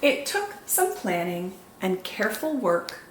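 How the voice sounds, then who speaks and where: A woman at a mid pitch reads a picture book to young children in a sing-song way, expressive and deliberate, drawing out words for dramatic effect. She's a storytime host, and the room is echoey with a faint hum of noise.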